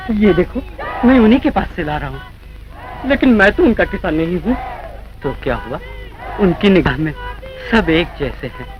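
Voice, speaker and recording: An anguished villager. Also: male voice, sits high, lively intonation, moderate pace, pauses often, noisy background. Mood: troubled. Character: distressed male villager talking with a friend. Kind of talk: 1940s film acting. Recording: dull old film soundtrack.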